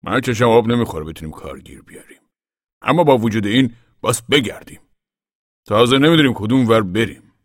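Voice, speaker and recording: A man's voice: medium pitch, expressive, no echo, clean studio sound, pitched above the performer's own voice, lightly acted. A man voicing a worried, tired older farmer father in an audiobook reading. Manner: worried, pleading.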